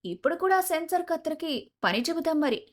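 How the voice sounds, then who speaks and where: A playful, mocking young husband from an audio romance story, put on by a woman narrator who drops her voice for him. He talks with easy confidence and a teasing edge. The voice sits fairly high for a man. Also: very animated, fast talker.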